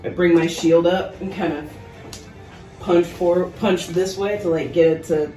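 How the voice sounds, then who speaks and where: A woman playing a tabletop game, unhurried, laughing often and describing her actions loosely. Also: lowish voice, fairly even intonation, mellow, roomy sound, far from the mic, soft background music, poor audio. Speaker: player.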